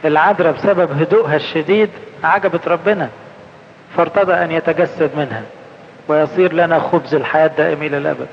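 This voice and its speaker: A man with an Egyptian accent preaching a conference sermon in colloquial speech, asking questions and answering them himself, slowing down when he quotes scripture. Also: a little high, vocal fry, slight background noise. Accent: Egyptian Arabic. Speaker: priest. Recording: echoey hall, slightly dull sound.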